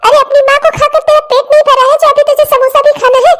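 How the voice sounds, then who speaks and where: A woman doing a cruel cartoon stepmother with a piercing, very high voice. She berates and curses nonstop, shrill and harsh in every line. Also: brisk. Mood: furious scolding. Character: harsh scolding stepmother, middle-aged woman. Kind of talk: cartoon voice acting.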